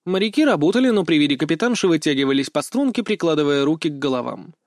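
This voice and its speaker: A man narrating a fantasy audiobook in an even storytelling manner. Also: a little high, quick pace, dry recording, studio quality.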